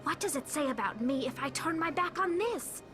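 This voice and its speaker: A woman's voice: sits high, expressive, moderate pace, fairly bright tone, faint music behind. A woman voicing an earnest, resolute young alien pilgrim in a video game. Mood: determined.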